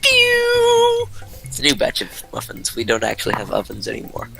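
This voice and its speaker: A goofy TV cooking show host, played by a man in a mock parody, his voice bright and rough with gravel. He bounces all over his range. Faint game music plays behind him. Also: lowish voice, flat delivery, quick pace, full character voice. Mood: mock cheerful. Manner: zapping food into being with "pew" sounds.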